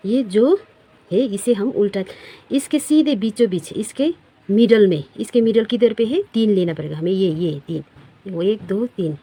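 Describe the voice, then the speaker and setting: A woman's voice: on the low side, mellow, slightly rough. A woman teaching a knitting pattern step by step, counting stitches aloud and repeating herself as she shows each row. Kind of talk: step-by-step craft tutorial.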